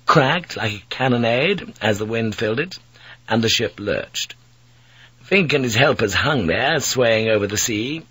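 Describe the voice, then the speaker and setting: Male audiobook narrator, dramatic and vivid, husky tone, dry close sound. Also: medium pitch, no echo. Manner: vivid storytelling, shouts the characters' cries.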